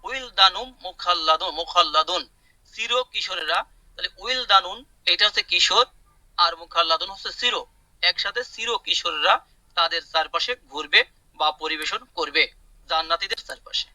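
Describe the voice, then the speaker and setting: Guy teaching arabic words over a video call, really bright voice, kinda high, dry sound. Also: normal speed, no room sound, rough recording. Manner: repeats and explains words patiently, asks students questions. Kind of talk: online class lecture.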